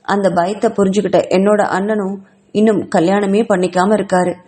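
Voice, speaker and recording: A woman's voice: mid-range voice, flat delivery, brisk, dark tone, close to an everyday voice. A woman reads an orphaned young student girl from a spoken storybook, clingy and emotional. She talks in an earnest, pleading, confiding way.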